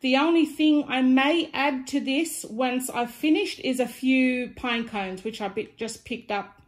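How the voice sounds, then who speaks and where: High-voiced Australian woman with an aligner lisp. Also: measured pace. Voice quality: slight lisp from wearing clear retainer-style aligners. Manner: informal, chatty demonstrating while handling items. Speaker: DIY craft vlogger. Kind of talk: casual craft tutorial.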